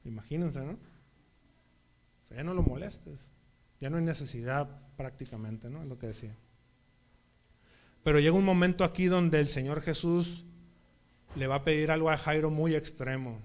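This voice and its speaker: A man's voice: fairly high pitch, normal speed, pauses often, darkish tone. A man preaching a Sunday sermon in a conversational way, often checking in with the congregation and rising in volume at emphatic points.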